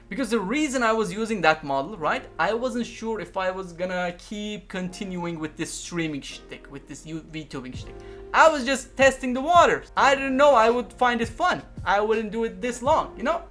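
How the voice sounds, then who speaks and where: High-voiced young man, rambling stream chat. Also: fairly bright tone. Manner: rambling, profane, repeats himself. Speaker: VTuber streamer.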